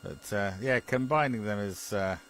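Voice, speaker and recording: A British amateur radio enthusiast talks casually about technical matters, hesitant and chuckling, often repeating his phrases. His voice sits on the low side, a bit bright, at a moderate pace.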